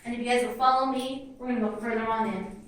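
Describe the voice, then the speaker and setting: Woman cave guide, high voice, distant and echoing in a cave, informative tour patter. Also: steady tone, quick pace, background noise. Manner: informative, directs the group. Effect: cave echo. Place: inside a limestone cavern. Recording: echoey cave, voice from far off.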